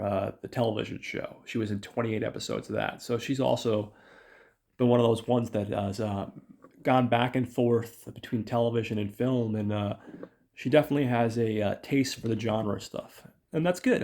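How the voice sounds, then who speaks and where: A podcast host, his voice raspy from illness, rambles through a film review, using lots of ums and uhs and calling his listeners "guys." His voice is lowish with a darkish tone.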